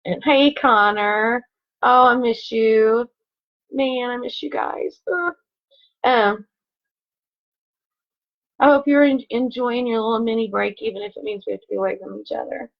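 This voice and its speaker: In a lo-fi home recording, a woman who teaches second grade reads a story to children online. Her fairly high voice keeps a fairly even intonation, unhurried and with long pauses, as she mixes expressive reading with chatty asides.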